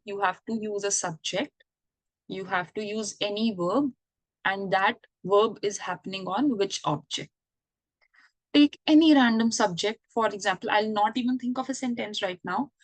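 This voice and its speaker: A woman's voice: medium pitch, moderate pace, dry recording. A woman giving an online English grammar lesson, explaining patiently and checking in with the listener. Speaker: English teacher.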